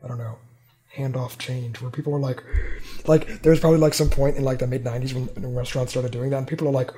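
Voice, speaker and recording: A man co-hosting a podcast, joking around in an animated, casual way and laughing often. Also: mid-range voice, fast talker. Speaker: podcast co-host. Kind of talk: casual chat.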